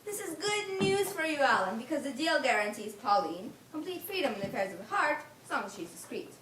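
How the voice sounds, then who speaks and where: A woman's voice: sits high, big pitch swings, a little fast, a bit bright. A woman playing a brusque, menacing male gangster in a stage comedy. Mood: businesslike. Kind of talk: live stage comedy acting. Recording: echoey stage, distant mic, clear noise.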